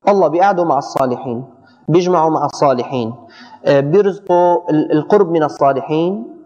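A man giving a colloquial religious lesson, animated, often stumbling and repeating words for emphasis. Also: on the high side, quick pace. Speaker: religious teacher. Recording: dull audio with long hall reverb.

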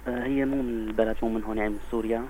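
A man calling a radio show, speaking hesitantly with halting fillers. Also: fairly low pitch, fairly even intonation, mellow, a little hiss or hum, low-quality recording. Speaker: caller.

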